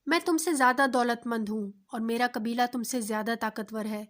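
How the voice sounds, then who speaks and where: A woman's voice: fairly high pitch, fairly bright tone, close to an everyday voice. A woman voicing a proud, boastful rich gardener in a storybook tale, in her own voice. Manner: boastful, self-assured.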